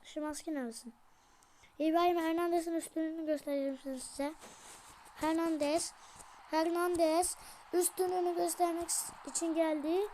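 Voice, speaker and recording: A woman hosting a gaming channel, giving casual commentary over a football video game. She is excitable, yells at the plays and jokes with viewers. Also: very high voice, moderate pace, slight background noise.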